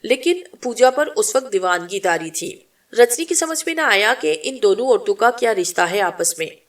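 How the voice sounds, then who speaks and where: A woman's voice: mid-range voice, lively intonation, moderate pace, distant mic. Woman narrating a horror novel. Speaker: storyteller.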